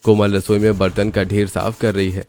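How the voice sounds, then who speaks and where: A man narrating a cartoon story in a steady storytelling manner. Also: lowish voice, moderate pace, a little hiss or hum. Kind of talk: scripted narration.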